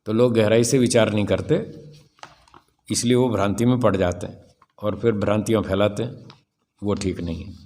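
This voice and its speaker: Older male swami, somewhat low voice, firm lecturing tone, poses questions to listeners. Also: a little mellow. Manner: firm, rhetorical, asks the audience questions. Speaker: swami teaching scripture. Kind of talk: spiritual discourse lecture.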